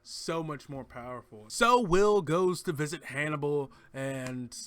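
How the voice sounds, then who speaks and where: A man's voice: fairly high pitch, expressive, a little slow, fairly bright tone. A man giving a casual, enthusiastic spoken review of a TV episode, rambling and often restarting his sentences. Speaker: TV show reviewer.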